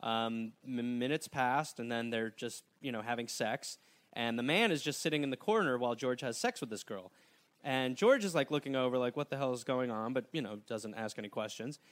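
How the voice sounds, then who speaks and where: A podcast host with a medium-pitched voice, speaking a little fast, tells a story on his comedy podcast. He's animated and jokey, slipping into silly put-on voices along the way.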